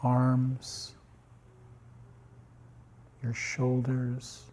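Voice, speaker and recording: A man leads a guided body scan meditation, speaking in short, calm, unhurried phrases separated by long pauses. His medium-pitched voice has a slight huskiness.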